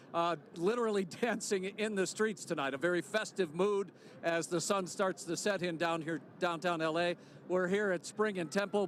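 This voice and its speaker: Brief: fluent male field reporter outdoors, fairly high voice, faint traffic behind. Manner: fluent, descriptive. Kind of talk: live news reporting. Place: outdoors on a downtown street.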